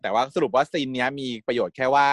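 A man retells a series episode in a loose, chatty way, giggling often and putting on the characters' lines. His pitch sits in the middle of the range. The sound is close and dry, with no room around it. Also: rapid-fire, dry recording. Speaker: series recap host. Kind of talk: casual storytelling recap.

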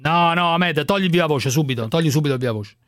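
A man's voice: a little high, quick pace, a bit bright. A man hosting a call-in radio show, teasing and provoking his guests in a blunt manner that includes swearing. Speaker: radio host.

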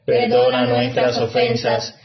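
Slow man's voice with cathedral echo, heard among a congregation. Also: mid-range voice, completely flat delivery, crowd noise. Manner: slow, unison chant-like responses. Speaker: congregation responding at Mass. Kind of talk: liturgical responses, partly chanted. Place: large church. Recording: echoey dull church broadcast.

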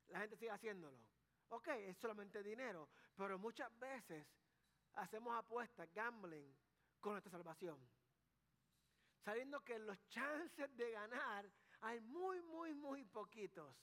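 High-voiced pastor preaching. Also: male voice, animated, takes it slowly, sharp tone, long reverb tail. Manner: preaching with rising emphasis and folksy sayings. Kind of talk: sermon.

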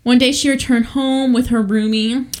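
A young woman co-hosting a casual true-crime podcast, telling a story in a chatty, giggly, animated way. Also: on the high side, normal speed. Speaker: podcast co-host.

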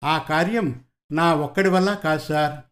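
Male narrator doing a meek young sidekick for an audio story; plaintive and pleading, voice a touch high. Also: a little slow, close to an everyday voice. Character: meek young male detective assistant, timid.

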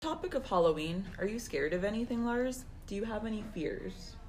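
A woman's voice: medium pitch, expressive, normal speed, darkish tone, slight background noise. A woman as interviewer in a scripted mock interview, reading her questions carefully.

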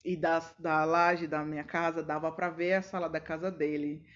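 A woman's voice: low-pitched, moderate pace. A woman co-hosting a podcast, telling stories casually and acting out the people in them. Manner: animated, acts out shouted quotes. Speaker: podcast co-host. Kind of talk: casual storytelling chat. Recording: dull lo-fi sound.

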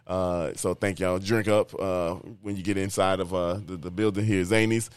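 A man's voice: sits low, fairly even intonation, normal speed, smooth, dry recording, clean studio sound. A man hosting a casual podcast chat in a comedy club, joking in loose slang. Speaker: podcast host.

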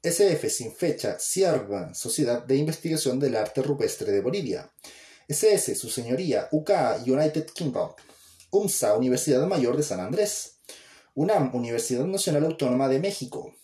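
Mellow-voiced man reading aloud. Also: mid-range voice, animated. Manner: plain, unhurried reading, self-correcting mid-phrase. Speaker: reader. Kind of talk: amateur reading aloud of an academic book. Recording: roomy echo.

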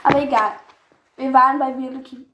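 A woman's voice: high-pitched, fairly even intonation, fairly quick, fairly bright tone. A teenage girl co-hosting a podcast, telling stories in a rambling, giggly way with lots of fillers. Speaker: podcast co-host. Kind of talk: casual storytelling chat. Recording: echoey room.

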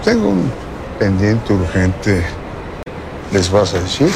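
An actor playing a blunt, swearing Mexican man of ninety in a film scene, gruff and scolding. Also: sits low, sing-song, slow pace, background noise, exaggerated voice. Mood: scornful. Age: 90s. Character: blunt, cursing 90-year-old Mexican man. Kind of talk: film drama acting.

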